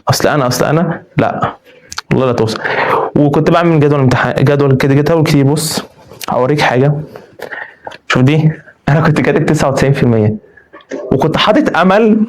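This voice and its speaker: A young man with an Egyptian Arabic accent giving casual, earnest advice straight to his viewers in a vlog. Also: a little high. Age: young adult. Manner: rapid, animated, earnest, addresses listeners directly. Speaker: student vlogger.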